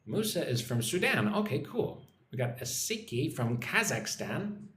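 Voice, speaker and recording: An American man runs a casual English-teaching livestream, greeting viewers and reading out and answering comments in an informal, chatty way. His voice sits on the high side and is fairly bright, with big pitch swings and an unhurried pace. The room echoes and there's faint background noise.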